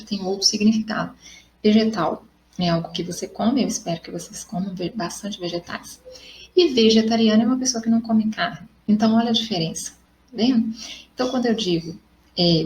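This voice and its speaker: A woman's voice: medium pitch, darkish tone. A woman with a Brazilian Portuguese accent, teaching a recorded lesson. She explains step by step, asks questions and answers them herself, and ends points with short tag questions. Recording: echoey room, faint ambient noise.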